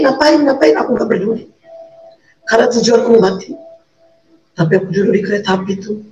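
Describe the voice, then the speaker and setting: A woman with a high voice gives an earnest personal testimony and repeats key words for emphasis. She is far from the microphone. Her voice sounds roomy and echoey, like a video call. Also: a little mellow. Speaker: interview guest, a convert and single mother.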